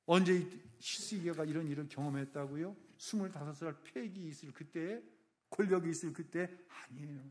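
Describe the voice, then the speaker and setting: A male pastor giving a Sunday sermon in a church, emphatic and dramatic, with sudden loud peaks. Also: fairly high pitch, moderate pace.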